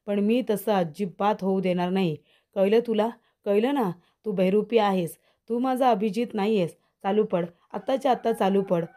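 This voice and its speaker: A woman voicing a frightened older mother who insists in repeated denials that a man is not her son, in a mellow low-key tone. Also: close to an everyday voice.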